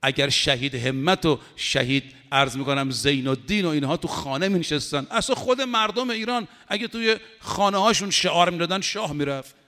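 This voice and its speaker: A man's voice: on the high side, few pauses, bright, forceful tone, in a large hall. A man preaching a religious sermon, impassioned and building to emphatic peaks. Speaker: cleric preacher.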